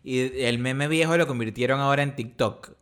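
A man's voice: mid-range voice, moderate pace, a bit bright, smooth. A young man with a Venezuelan accent, hosting a podcast in casual chat, slangy and repeating himself. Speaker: podcast host.

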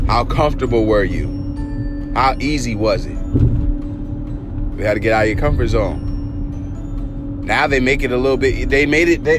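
A man hosting a motivational show, talking in a slangy, informal way and preaching conversationally with repeated rallying phrases. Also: medium pitch. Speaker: host of a motivational podcast. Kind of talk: casual motivational talk.

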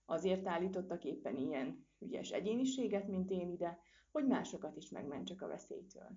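A woman's voice: on the low side, expressive, dark tone, close to an everyday voice. A woman voicing a timid, fretful male monkey in a storybook reading, panicky and pleading. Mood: fearful. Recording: dull lo-fi recording.

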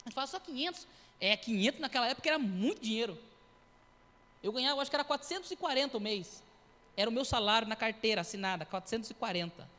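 A man in his thirties giving a sermon testimony, telling his story in a lively way with acted-out quotes and sound effects. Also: very high voice, fast, long reverb tail. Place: church.

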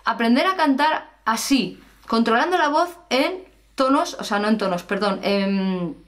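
A woman's voice: a little high, lively intonation, measured pace, fairly bright tone. A woman, giving a chatty singing lesson and demonstrating exercises as a vocal coach. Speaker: singing teacher.

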